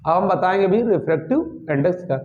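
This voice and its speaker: A man's voice: high-pitched, lively intonation, brisk, darkish tone, muffled recording, slight background noise. A man teaching a physics class, asking his students questions and answering them himself, repeating key terms. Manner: mixes English terms into Hindi, repeats key words. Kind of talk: classroom lecture.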